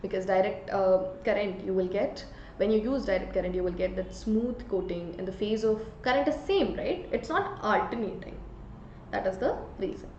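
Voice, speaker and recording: Speaking at a moderate pace in a mid-range voice with a darkish tone, an Indian-accented chemistry teacher runs an exam revision lesson, explaining through questions she answers herself. The recording has a little hiss or hum, an echoey room, and slightly dull sound.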